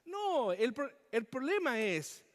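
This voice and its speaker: Male pastor, very high pitch, impassioned emphatic sermon, long hall echo. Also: sing-song, slow. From Chile. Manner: impassioned, emphatic preaching with repetitions. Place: church.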